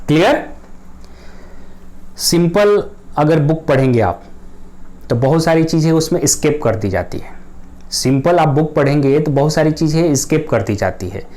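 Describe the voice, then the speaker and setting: A man's voice: a little high, expressive, moderate pace, pauses often, warm tone. Patient male English grammar teacher. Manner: patient, repeats key points, reassuring. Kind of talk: explanatory lesson.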